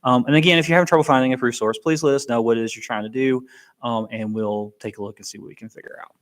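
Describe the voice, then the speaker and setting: A man's voice: mid-range voice, fairly even intonation, rapid-fire. Man giving a benefits briefing. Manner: explains plainly with frequent ums and restarts. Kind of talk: informal briefing presentation.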